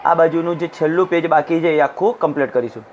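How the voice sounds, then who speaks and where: Man, high voice, teacher, explains line by line, translates phrases, acts out bits of dialogue. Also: fast, a little mellow, a little hiss or hum. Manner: translates each English phrase into Gujarati and acts out lines. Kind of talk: classroom lecture explaining an English text. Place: recorded for an online class.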